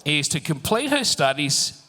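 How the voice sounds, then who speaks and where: A man's voice: a little high, sing-song, measured pace, pushed and bright. Joking man, MC in echoey hall. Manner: jokey asides to the audience. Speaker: event MC. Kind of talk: live stage introductions. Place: live event venue.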